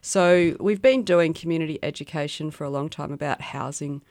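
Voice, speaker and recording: A woman's voice: low-pitched, normal speed, darkish tone, no echo. A woman co-hosting a community radio show in a chatty, upbeat way. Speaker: co-host. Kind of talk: casual radio chat.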